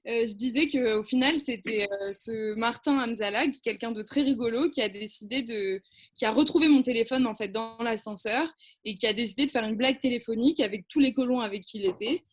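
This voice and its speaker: A young woman with a fairly high voice recounts a story as a radio guest. She hesitates a lot, restarts her sentences and laughs at herself along the way. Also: brisk, fairly bright tone. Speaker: guest, camp counselor. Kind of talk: anecdote on a radio show.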